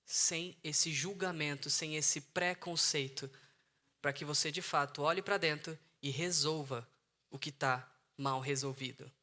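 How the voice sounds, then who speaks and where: Bright-voiced Brazilian psychologist man. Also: on the high side, steady tone, a little slow. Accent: Brazilian Portuguese. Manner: earnest, repeats key phrases for emphasis. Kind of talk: emotional intelligence talk to an online audience. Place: outdoors in the sun.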